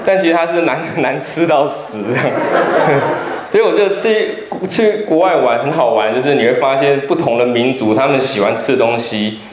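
A man's voice: medium pitch, fairly quick, few pauses. A man in his thirties from Taiwan with a Taiwanese Mandarin accent, giving a chatty, joking talk to an audience. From Kaohsiung, Taiwan. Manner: chatty storytelling, jokes with the audience. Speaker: public lecturer, travel writer. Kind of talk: humorous public talk with slides. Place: lecture hall. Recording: roomy hall with faint background noise.

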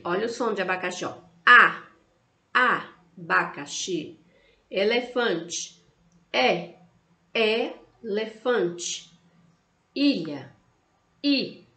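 Brazilian lady teaching little kids, talks real slow and stretches the words, kinda echoey room. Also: mid-range voice, creaky, a bit bright. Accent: Brazilian Portuguese. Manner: slow, drawn-out words, sounding out vowels for kids. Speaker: preschool teacher. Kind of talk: online lesson for young children.

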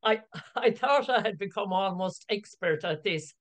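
A woman joining a tutorial session over a video call and chatting casually in a warm, appreciative way. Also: mid-range voice, lively intonation, unhurried. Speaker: participant in the session. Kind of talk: casual chat.

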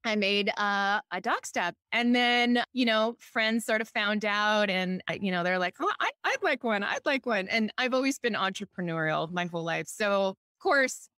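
Bright, forceful, and clean, the voice of a middle-aged Hawaiian entrepreneur and author from Honolulu carries her chatty, laugh-filled stories as a podcast guest. She speaks at a medium pitch with lively intonation, a moderate pace, and few pauses. The studio sound is clean with no echo.

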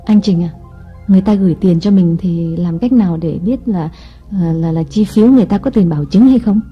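A calculating young wife coaxes and bargains in measured words, read by a woman in an audiobook. The voice is a little husky, and the recording sounds dull and lo-fi, with faint music underneath. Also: lowish voice. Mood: casual. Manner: coaxing and deliberate. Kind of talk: audiobook reading.

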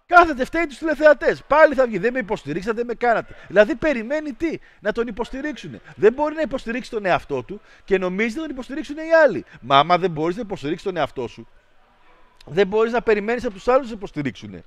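Guy on his stream mocking people, high voice, super dry sound. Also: dry recording. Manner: animated, mocking rants. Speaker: livestream host. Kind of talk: casual stream chat with viewers.

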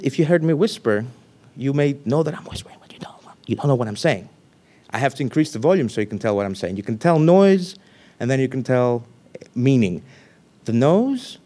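Male researcher at a conference lectern, mid pitch, unscripted, restarts a lot, jumps louder and higher when excited. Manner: loose, thinking aloud with restarts, animated bursts of emphasis. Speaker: scientist giving a conference talk. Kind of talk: academic conference talk. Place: lecture room.

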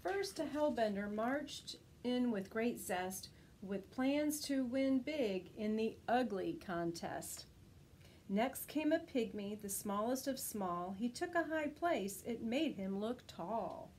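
Expressive woman reading a children's book. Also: a little high, slow, slight background noise, poor audio. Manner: expressive rhyming storytelling, lifts her voice for quoted characters. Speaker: teacher reading aloud. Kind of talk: children's picture book read-aloud.

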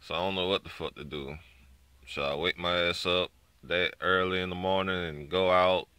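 Groggy low-voiced man vlogging. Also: fairly even intonation, moderate pace, pushed and bright, clean tone, dry recording. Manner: loose, swearing, rambling. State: groggy, just woke up. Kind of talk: casual vlog.

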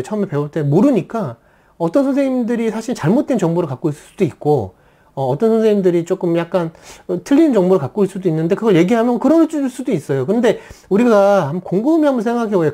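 A chatty art teacher walks through a drawing lesson, leaning on everyday examples and rhetorical questions. The voice is warm and mellow, and its pitch rises and falls a lot. The teacher keeps asking the listener to agree. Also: sing-song, fast talker.

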